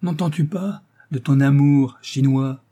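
A man voicing a petulant young actress who mocks her lover in sharp, raised bursts. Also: mid-range voice, unhurried, natural voice. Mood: vehement.

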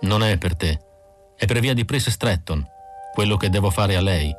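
A tired, conflicted male bounty hunter, read by a man in his own voice in an audiobook. The voice sits low and plain, with soft music far beneath it. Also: moderate pace, natural voice. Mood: strained. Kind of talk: audiobook character reading.

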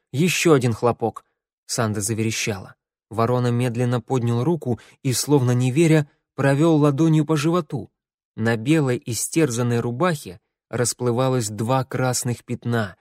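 A man reading a fantasy audiobook as narrator in a steady, measured way. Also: mid-range voice, no echo, studio quality. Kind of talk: scripted narration.

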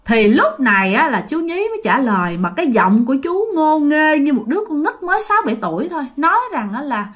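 Speaking straight to her listeners, a woman tells a ghost story in a casual, chatty way. Her voice sits high and has a sing-song lilt, moving a little fast with few pauses.

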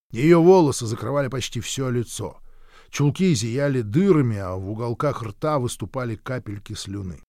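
Expressive male audiobook narrator. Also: medium pitch, dry recording, clean studio sound. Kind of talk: first-person literary audiobook reading.

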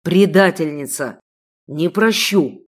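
A woman voicing a jealous, possessive male sheikh who growls his lines, menacing and loud. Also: deep voice, a little slow.

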